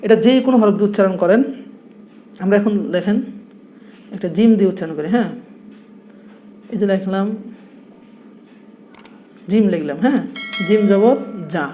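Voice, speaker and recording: Man teaching, noakhali bengali accent, mellow tone, repetitive, asks questions. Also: sits high, normal speed, long pauses, slight background noise. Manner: patient, repeats points and asks rhetorical questions. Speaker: Quran teacher. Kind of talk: blackboard lesson.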